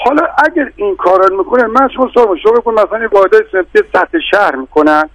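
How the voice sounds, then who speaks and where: A man's voice: high voice, fairly bright tone, dry recording, muffled recording. A middle-aged man, a bazaar guild representative, debating politely but insistently as a guest on a radio talk show. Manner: insistent, polite, repeatedly addresses the host.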